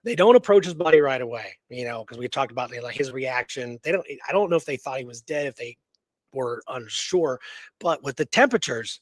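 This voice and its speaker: Animated and brisk, a man co-hosting a radio show spins a digressive story in his mid-range voice and keeps checking in with the listener. It's loose, conversational storytelling and discussion, with no echo on the recording.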